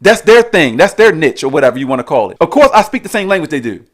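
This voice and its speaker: Male commentary host, high pitch, argumentative rant style, repetitive and confrontational. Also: big pitch swings, quick pace. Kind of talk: reaction rant.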